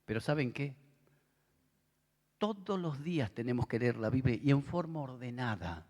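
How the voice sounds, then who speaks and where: A man's voice: medium pitch, lively intonation, moderate pace, darkish tone. A middle-aged man with an Argentine accent, preaching a sermon in a conversational style with asides to the audience. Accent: Argentine Spanish. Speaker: pastor. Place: large convention hall. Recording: long reverb of a big hall.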